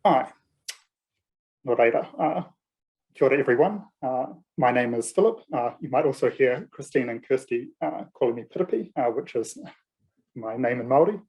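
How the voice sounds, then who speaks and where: This is a New Zealand man with a mid-range voice, speaking in a measured, formal conversation. He pauses often and hesitates between phrases. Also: medium pitch, darkish tone. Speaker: writer and university student. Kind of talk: formal conversation with Māori greetings.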